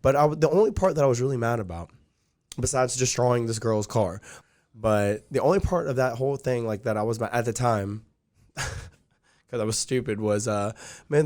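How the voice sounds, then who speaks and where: This young podcast guest has a medium-pitched, somewhat dark voice and speaks at a moderate pace. He rambles through a lengthy personal story in a casual conversation, peppering it with "like" and "dude."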